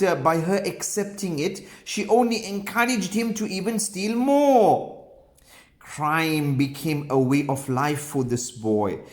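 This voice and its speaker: Guy telling kids a moral story, slow and animated, lots of ums. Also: a little high. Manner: slow, animated, scattered with pious phrases and ums. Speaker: storyteller for children.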